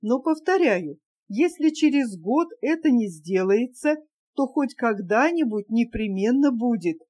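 A woman's voice: fairly high pitch, lively intonation, a little slow, dark tone, breathy edge. A woman reading a grown man's earnest, solemn promises in a novel. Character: grown man, tender earnest suitor.

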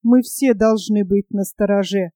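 A woman voicing a boastful female magpie who chatters quickly in a storybook tale. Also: mid-range voice, warm tone, dry recording, studio quality, close to an everyday voice. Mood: defensive. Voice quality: rapid, chattering.

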